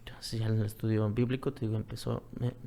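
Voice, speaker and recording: Soft-spoken Mexican man telling his story. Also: fairly low pitch, flat delivery, quick pace, creaky. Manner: repetitive, earnest retelling, often drops to a soft near-whisper. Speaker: guest. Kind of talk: personal testimony, conversational storytelling.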